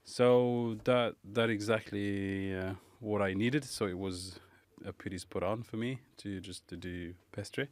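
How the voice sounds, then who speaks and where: Low, smooth-voiced man, halting speech. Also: dry recording. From Morocco. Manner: thoughtful, halting, many fillers. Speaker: guest, pastry chef. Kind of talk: casual interview.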